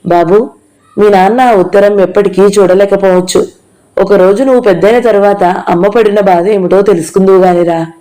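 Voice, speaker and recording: A woman voicing a gentle, sorrowful young mother. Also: mid-range voice, fairly even intonation, normal speed, close to an everyday voice, low-quality recording.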